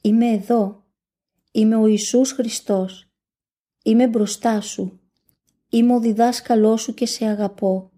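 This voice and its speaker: Mellow-voiced woman reading solemn scripture. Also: a little high. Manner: steady, measured first-person recitation. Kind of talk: solemn religious text reading.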